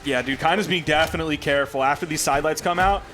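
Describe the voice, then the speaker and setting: A man working as an esports caster, commentating on a fighting game in a casual, excitable way. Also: on the high side, fast talker, soft background music.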